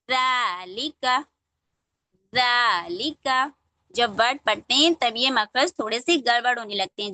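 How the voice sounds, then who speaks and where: A woman teaching young students letter pronunciation over a video call, drawing out each sound slowly and checking that they follow. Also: a little high, sharp tone, dry recording. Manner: slow, drawn-out demonstrations of letter sounds. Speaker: online Quran recitation teacher. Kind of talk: patient online class teaching.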